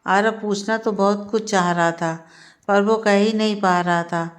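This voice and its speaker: A woman narrating a Hindi story in a steady, even reading manner. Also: mid-range voice, measured pace.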